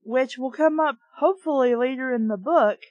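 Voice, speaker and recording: A woman who reads and reviews children's books delivers a story audiobook-style, interjecting sarcastic, sweary, exasperated ad-libs. Her voice is high-pitched at normal speed, with no echo but dull audio.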